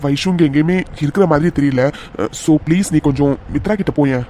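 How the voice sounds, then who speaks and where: Man voicing a protective young cartoon hero, urgent, anxious, high and loud. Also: quick pace, slight background noise, close to an everyday voice. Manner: urgent, pleading, worried. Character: protective young man, caring, hot-tempered. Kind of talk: cartoon voice acting.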